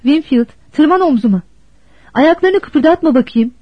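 A woman's voice: high voice, animated, unhurried, no room sound, pitched above the performer's own voice. A woman voicing a worried, determined mother of a poor family, urgent and commanding, on a dull, dry recording.

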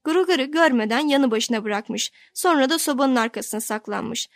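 Woman audiobook narrator, higher voice, dry close sound, steady first-person storytelling. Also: normal speed, dry recording. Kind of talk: scripted narration of a novel.

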